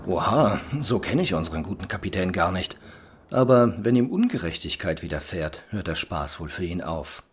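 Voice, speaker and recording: Male storyteller for scripted audio drama, low-pitched, expressive, conversational. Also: moderate pace, slight background noise. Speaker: narrator.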